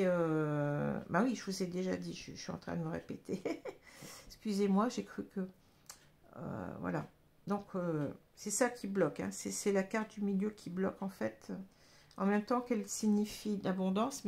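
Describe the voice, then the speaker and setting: A woman with a French accent reads tarot cards for her viewers in an unhurried, hesitant way, with plenty of fillers along the way. Her voice has a gravelly edge. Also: medium pitch, a little mellow. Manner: hesitant, many fillers, addresses viewers directly. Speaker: tarot reader. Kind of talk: casual tarot reading monologue.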